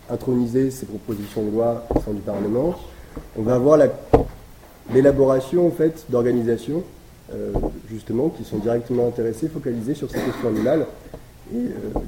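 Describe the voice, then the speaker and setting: A man giving an academic lecture, talking with many hesitations, fillers and restarts. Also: medium pitch. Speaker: academic speaker. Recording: echoey room with noise.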